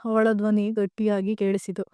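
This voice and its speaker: Woman storyteller, smooth resonant voice, dry close mic, gentle even read. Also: medium pitch, moderate pace, no room sound. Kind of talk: scripted story narration.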